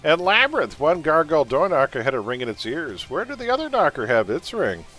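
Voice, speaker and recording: A man's voice: a little high, sing-song, a little fast, pushed and bright, soft background music. Joking man hosting a stream trivia quiz. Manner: joking, sarcastic asides between questions. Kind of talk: casual livestream quiz hosting.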